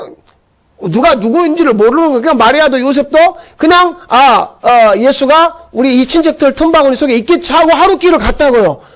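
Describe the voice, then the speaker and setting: A male pastor delivers a Sunday sermon in an extremely high-pitched voice. He tells the story in a lively, animated way, acting out outbursts along the way.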